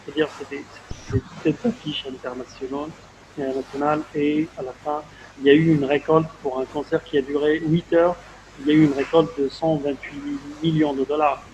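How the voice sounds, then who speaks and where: A man with a slightly raised voice leads an online panel over a video call. He talks in a halting way, with fillers and repeated words. The call audio is dull and lo-fi, with a faint hiss underneath. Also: on the high side, little pitch movement, a little mellow. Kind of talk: hesitant conversational discussion.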